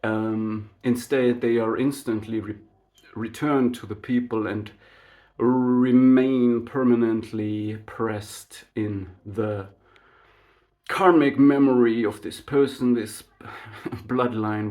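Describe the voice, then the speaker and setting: A spiritual vlogger whose first language is German delivers an unscripted monologue to his channel, slow and reflective, full of fillers and tag questions like "right?". His voice is medium-pitched, steady, and darkish in tone.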